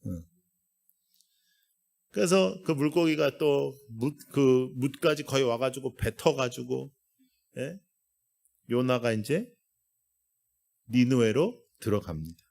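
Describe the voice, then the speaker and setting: Animated Korean male pastor preaching. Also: mid-range voice, slow, vocal fry, pauses often. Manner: animated, acts out voices, calls for congregation to repeat. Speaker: guest pastor. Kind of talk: lively revival sermon. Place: church sanctuary.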